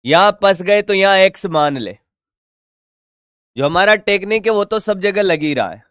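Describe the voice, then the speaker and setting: This man's voice sits high, with lively intonation, a fairly bright, clean tone, and a normal speed, captured in studio quality without room sound. He teaches an online physics lesson at a board, teasing and chatting while tackling circuit problems and answering students.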